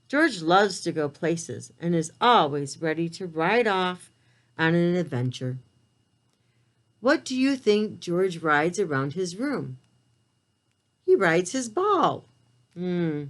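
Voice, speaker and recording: Reading a picture book to preschool children, a woman with a slightly low voice tells the story expressively. She talks to them directly in plain, simple words. Her pace is slow, while her pitch rises and falls in lively swings.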